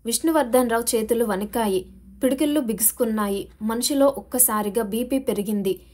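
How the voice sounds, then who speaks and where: A woman's voice: on the high side, a little fast. A woman narrating a suspense novel as an audiobook, raising her voice for the characters' frightened cries. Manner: voices the characters' shouted lines with rising emotion. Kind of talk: dramatic novel reading.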